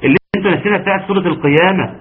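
Man with an Egyptian accent, fast talker, fairly high voice, tajweed teacher, chanted recitation examples, tinny phone-like online audio. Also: a little hiss or hum. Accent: Egyptian Arabic. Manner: chanted recitation examples between lively explanations.

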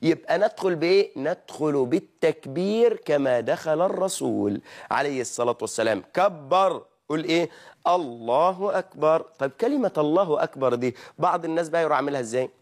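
A man with an Egyptian Arabic accent teaches a religious lesson in a lively, questioning way. His voice sits fairly high for a man. He acts out mistakes and then corrects them. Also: fast. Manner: animated teaching, mimics wrong pronunciations, asks and answers own questions. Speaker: preacher.

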